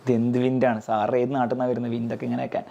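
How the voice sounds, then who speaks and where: A man's voice: mid-range voice, flat delivery, racing, gravelly, mellow, dull audio, pitched below the performer's own voice, natural voice. A man putting on the voice of a puzzled student who questions the teacher in mock disbelief.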